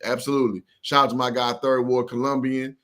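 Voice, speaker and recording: A man with a bright, forceful voice hosts a football talk show. He talks with hype and gives big, emphatic agreement. He reads out viewer shout-outs and keeps the energy up. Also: medium pitch, level tone, fairly quick. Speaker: sports show host. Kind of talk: hyped sports talk.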